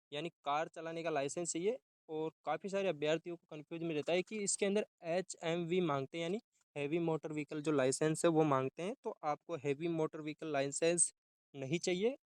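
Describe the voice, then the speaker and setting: A man's voice: fairly high pitch, clear, resonant tone, dry recording. A young man, a YouTuber for exam aspirants, explaining a job notification in an informal way, often restarting his words.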